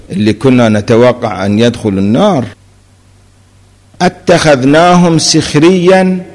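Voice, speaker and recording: A man's voice: medium pitch, a little mellow. A man giving a Quranic commentary lecture as a religious scholar, explaining point by point and mixing classical and colloquial speech, pressing key points with rising emphasis. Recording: long hall reverb.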